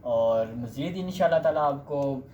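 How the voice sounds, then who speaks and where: A man's voice: mid-range voice, expressive, a little slow, darkish tone, muffled recording. A man teaching a Chinese pronunciation lesson, patient and repetitive, checking in often. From Pakistan. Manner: patient, repeats "theek hai" often. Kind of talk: online language lesson. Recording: echoey room with faint noise.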